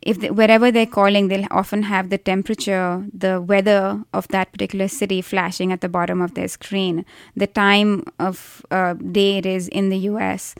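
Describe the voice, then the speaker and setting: A woman with an Indian accent speaks in a smooth, clear voice at a middling pitch. She explains things thoughtfully as an interview guest, often restarting sentences. The sound is close and dry. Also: flat delivery, normal speed, no echo. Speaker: interview guest, researcher of call centers. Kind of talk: conversational interview.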